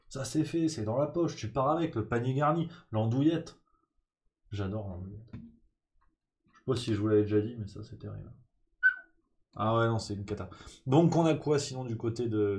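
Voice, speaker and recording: A man's voice: medium pitch, a little mellow. A man hosting a live-streamed morning press review in a loose, joking way, reading out chat messages and thanking subscribers.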